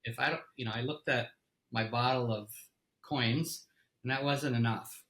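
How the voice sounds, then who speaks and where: A middle-aged man from Egypt, a company CEO, telling his story as an interview guest in a relaxed way, with fillers and restarts. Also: medium pitch, moderate pace, rough recording.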